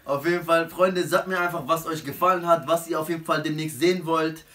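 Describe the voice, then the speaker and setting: A man's voice: a little high, fairly even intonation, fairly quick, sharp tone. A man in his twenties speaks slangy, exasperated German with an Arabic-influenced accent, hosting and bantering casually with friends. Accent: Arabic-influenced urban German. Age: 20s. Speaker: host of a comedy sketch channel. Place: living room sofa. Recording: very noisy home camera recording.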